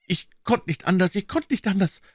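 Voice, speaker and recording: A man puts on a terrified accused man who is sobbing and pleading, his voice pushed far above its usual low register. The pitch swings widely as he begs, and the sound is dry and close. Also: expressive, a little fast, no echo. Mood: despairing. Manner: pleading, tearful. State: crying. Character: frightened, sobbing grown man accused of murder.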